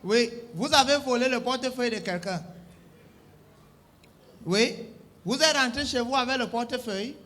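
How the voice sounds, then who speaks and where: A young man with a strikingly high voice performs a comic sketch as a bossy phone operator. He scolds and soothes imaginary callers by turns, in a mock-official tone. His tone is bright and cutting. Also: moderate pace, pauses often. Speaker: comedian. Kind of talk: comic one-sided phone-call sketch.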